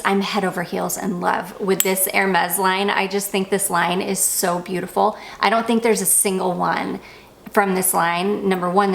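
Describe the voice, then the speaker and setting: A woman's voice: medium pitch, gravelly. A young woman chatting casually about perfumes she loves, gushing and drifting off on tangents. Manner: gushing, goes off on tangents, self-deprecating. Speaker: perfume reviewer. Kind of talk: casual review chat.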